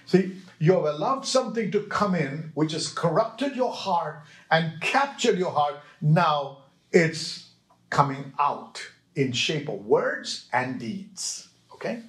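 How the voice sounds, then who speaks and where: A man's voice: a little high, animated, fairly bright tone. A man preaching a sermon with emphasis, quoting scripture and checking in with his listeners. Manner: emphatic, slow, with call-and-response checks to the listeners.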